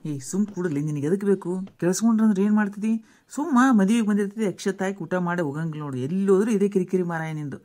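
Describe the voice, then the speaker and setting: In a family skit, a woman with a North Karnataka accent plays a blunt, exasperated middle-aged relative, scolding briskly in a lowish voice close to her everyday one.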